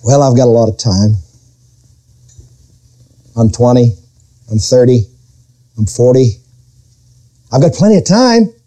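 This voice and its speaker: A man's voice: lively intonation, measured pace, pauses often, dark tone. A middle-aged male pastor preaching a sermon, swinging his voice up and down and drawing out key words. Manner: preaching with sudden pitch swings and quoted voices.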